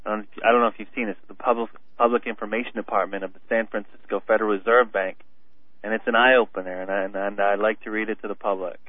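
Caller over a tinny phone line. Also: male voice, fairly low pitch, fairly even intonation. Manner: halting, reads a transcript aloud. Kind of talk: call-in radio talk.

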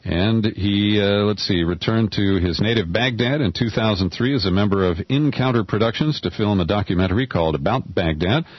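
Husky-voiced male radio host. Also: on the low side, brisk, hardly any pauses, dry recording, muffled recording. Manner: casual, self-deprecating about running the board himself. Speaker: radio talk show host. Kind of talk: radio interview.

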